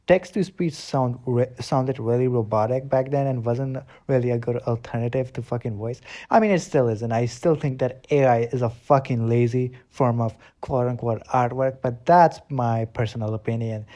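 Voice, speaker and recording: A man's voice: medium pitch, warm tone. A man with a non-American accent ranting bluntly and profanely while reacting to his own old videos. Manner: profane, blunt ranting with filler "all right?". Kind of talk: casual ranting commentary.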